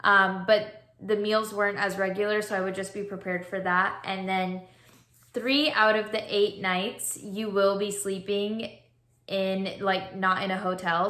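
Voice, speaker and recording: A woman's voice: medium pitch, roomy sound. Chatty young woman vlogger. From California. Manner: relaxed, chatty, frequent "um" fillers. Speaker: travel vlogger. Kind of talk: casual voice-over narration.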